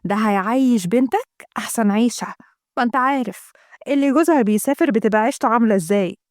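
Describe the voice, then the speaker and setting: A woman's voice: fairly high pitch, rapid-fire, dry recording, clean studio sound, natural voice. A woman voicing a middle-aged Egyptian housewife who argues and complains to her husband. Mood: complaining. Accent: Egyptian Arabic. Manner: pleading, complaining.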